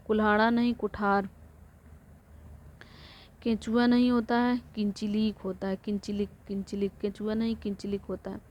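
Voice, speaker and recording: A woman teacher runs a slow, methodical vocabulary drill, reading word pairs one by one and repeating them, now and then correcting herself. Her delivery is steady and flat, with little rise or fall in pitch. The sound is slightly muffled and lo-fi. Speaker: Hindi teacher. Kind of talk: exam-prep vocabulary drill.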